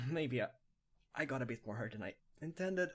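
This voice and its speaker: Wounded young researcher, husky and halting, quiet and evasive, as a game master puts him on. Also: male voice, mid-range voice, lively intonation, lightly acted. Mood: weary.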